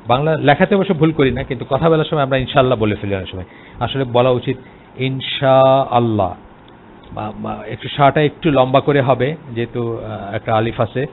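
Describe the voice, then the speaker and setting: A man with a Bangladeshi Bengali accent giving an explanatory religious lecture, hesitant, with many filler sounds and English words mixed in. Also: mid-range voice. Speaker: Islamic lecturer. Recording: tinny phone-like line, faint noise.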